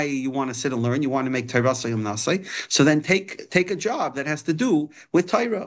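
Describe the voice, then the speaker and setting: A man gives an informal religious lesson, reading a text and explaining it, often hesitating and repeating phrases. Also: a little high. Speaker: religious teacher.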